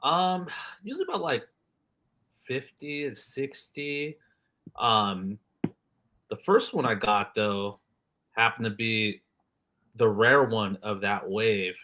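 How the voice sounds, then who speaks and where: Low, bright-toned man, quick chat. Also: lively intonation. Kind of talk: casual chat.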